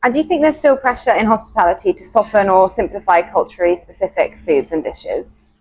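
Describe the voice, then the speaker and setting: A woman's voice: mid-range voice, expressive, a little fast, a little mellow, low-quality recording. A woman interviewer asking questions and giving short encouraging replies. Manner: brief encouraging backchannels.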